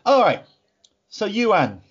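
A man's voice: sits high, very animated, takes it slowly, breathy edge, muffled recording. A British man hosting a podcast, asking loose, hesitant questions full of asides. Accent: British English. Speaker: podcast host. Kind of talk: casual chat.

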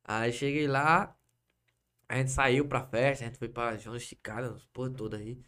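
A man's voice: medium pitch, normal speed. A young man with a Brazilian Portuguese accent, a podcast guest telling a long story in casual chat, rambling and tagging his phrases with little asides. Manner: rambling and lively, tags phrases with "né?" and "pô".

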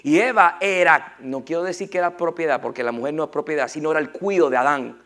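A male preacher, delivering a lively sermon. He keeps repeating words and firing rhetorical questions at his listeners. His voice is gravelly and sits a little high for a man. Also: fast.

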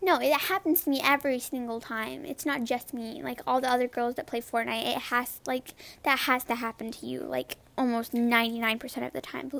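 A young woman with a high girlish voice, chatting casually about gaming, rambling with many fillers and repeated words. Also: steady tone, a little fast, creaky, hardly any pauses, a bit bright. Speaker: gamer vlogger. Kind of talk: casual chat to camera.

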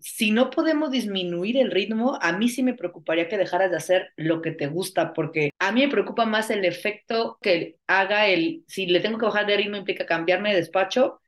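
A woman's voice: medium pitch, a little fast, hardly any pauses. Mexican woman, podcast co-host, reflective and advising, mid-range voice. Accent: Mexican Spanish. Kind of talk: casual podcast chat.

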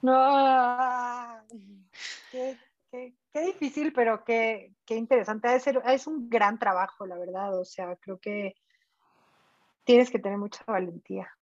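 Higher-voiced woman cohost on dull audio. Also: steady tone, slow pace, dry recording. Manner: affirming, reacts with short exclamations. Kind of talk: casual interview reactions.

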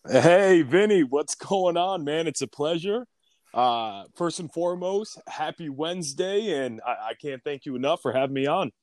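A man's voice: fairly high pitch, animated, moderate pace, a little mellow, dry recording, studio quality. A man chatting casually as a guest on a podcast. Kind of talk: casual chat.

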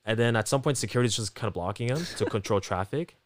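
A man in casual chat, telling a story with animated delivery, acting out quotes and laughing often. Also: on the low side, fast.

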